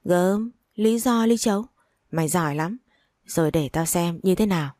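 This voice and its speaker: A woman's voice: low-pitched, steady tone, fairly quick, darkish tone, no echo, clean studio sound, natural voice. A woman reading the lines of a greedy, spiteful older mother-in-law who scolds and curses. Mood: furious. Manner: scolding, cursing, sneering.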